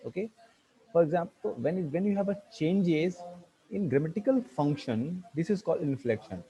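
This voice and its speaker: A man teaching an online English grammar lecture, halting with many fillers and restarts, spelling words out letter by letter, over a video call. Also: on the high side, expressive, dark tone, rough recording.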